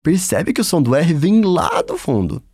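A man's voice: fairly high pitch, wildly swooping pitch, normal speed, vocal fry, a little mellow, slightly rough, dry recording, studio quality. Upbeat Brazilian man teaching German. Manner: patient, encouraging, upbeat. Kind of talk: language lesson.

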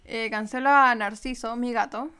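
A woman with a Chilean accent co-hosting a casual podcast chat with quick, animated talk. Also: on the high side, clear, resonant tone. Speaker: podcast co-host.

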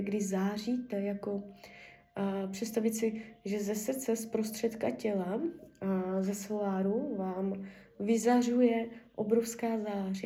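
A woman's voice: mid-range voice, creaky, mellow, distant mic. A woman leading a spiritual healing session, addressing her client and murmuring repetitive incantations and half-whispered prayers. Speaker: spiritual healer.

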